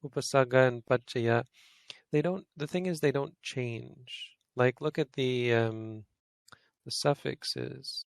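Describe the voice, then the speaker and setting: A Buddhist monk explains grammar to a study group in a relaxed, thinking-aloud way, often stopping to correct himself. His voice is mid-pitched with a gravelly edge. It sounds close and dry, with no room around it. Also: takes it slowly, no room sound. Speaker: Buddhist monk teaching Pali.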